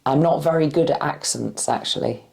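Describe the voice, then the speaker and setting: A tired woman in her forties from West London, a movement practitioner, answers interview questions thoughtfully but with many fillers and restarts. She has a West London accent with a slight Irish-tinged R. Her low, darkish voice is a little fast, with vocal fry and a slightly cracky sound.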